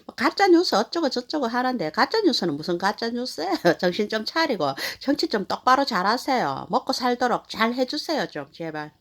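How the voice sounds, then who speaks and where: Animated middle-aged woman telling a story. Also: fairly high pitch, moderate pace, few pauses. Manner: animated, rambling with many fillers. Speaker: channel host. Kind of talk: casual storytelling.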